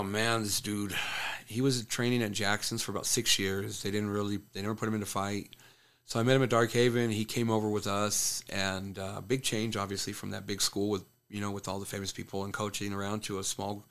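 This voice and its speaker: An MMA coach and fighter, appearing as a podcast guest, bluntly tells a fight story in casual conversation and swears freely. His fairly low voice is flat, smooth, a bit bright, and a little fast.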